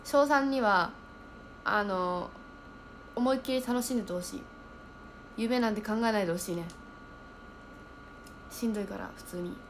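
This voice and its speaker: A young woman chatting casually on a livestream, reading viewer comments aloud and thinking out loud as she reacts. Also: mid-range voice, normal speed, long pauses, slight background noise.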